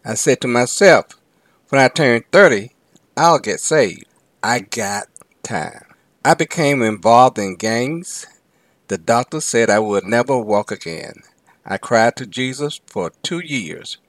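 An earnest, struggling young mother, read by a man, tells her life slowly in the first person. The voice stays in a middle register. The recording is dry and close. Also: mid-range voice, animated, a bit bright, no echo.

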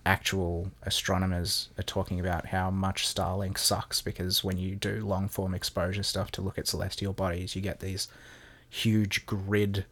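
A man's voice: low voice, level tone, moderate pace, fairly bright tone. A man co-hosting a podcast in casual chat, sweary and rambling with frequent restarts. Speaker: podcast co-host.

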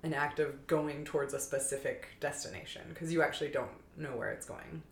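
Woman co-host, real low voice, reflective, echoey room. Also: steady tone, a little fast, gravelly. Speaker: podcast co-host. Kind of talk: casual chat.

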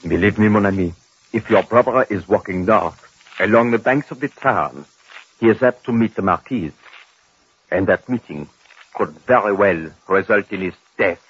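A man with a fairly low, slightly rough voice acts the part of a grave, superstitious French villager, speaking with a French accent. In the manner of 1940s-50s radio horror, he deliberately tells ominous tales warning of a vampire. The mood is a grave warning, and the audio sounds like a muffled old radio broadcast.

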